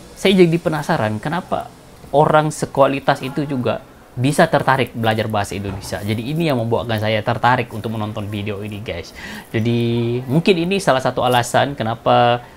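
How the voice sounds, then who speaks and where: A man's voice: mid-range voice, brisk, slight background noise. A man who speaks Indonesian as a foreign learner, hosting a casual reaction video and often addressing his viewers.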